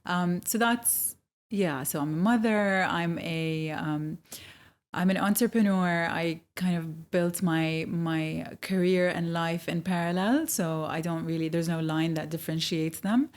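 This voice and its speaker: A woman from Saudi Arabia speaks as a guest in a relaxed interview, a little low in pitch. She pauses and hedges often, full of fillers. She laughs easily between thoughts. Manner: reflective, hesitant with many fillers, laughs easily. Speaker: guest chef. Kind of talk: casual interview conversation.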